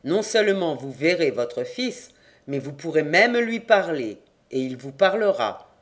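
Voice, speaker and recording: An audiobook reader voicing a solemn village priest who speaks in a low, measured and grave way. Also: big pitch swings.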